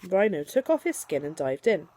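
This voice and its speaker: A young woman, a mother, reads picture books aloud to her little daughter, coaxing her gently between pages. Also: fairly low pitch, moderate pace, slight background noise. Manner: animated storytelling voice, coaxing and gentle with her child.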